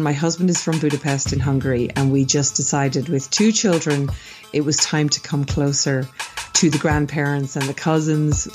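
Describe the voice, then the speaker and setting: A woman with an Irish accent, a business founder talking as a guest on a podcast interview, upbeat and conversational as she gives practical tips. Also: low voice. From Ireland.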